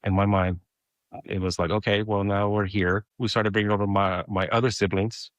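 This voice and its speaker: Speaking at a moderate pace in a lowish, level voice, a podcast guest shares his own story in conversation. He is a middle-aged native Spanish speaker from Mexico who frequently hesitates and restarts. The audio carries no room sound.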